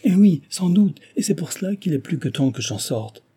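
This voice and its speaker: A man voicing a desperate, ruined gentleman who pleads in a raised, frantic voice. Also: fairly high pitch, very animated, moderate pace, breathy edge, pitched above the performer's own voice, heavily acted.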